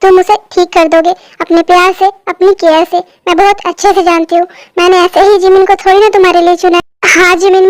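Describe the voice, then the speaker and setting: A woman voicing a caring middle-aged mother who calmly reassures and persuades, in an amateur fan dub. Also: very high voice, no echo, studio quality.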